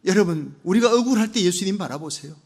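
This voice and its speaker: A male pastor preaching a Sunday sermon, with fervent, rhythmic repeated phrases that swing between loud declarations and hushed low asides. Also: animated, quick pace, slightly rough.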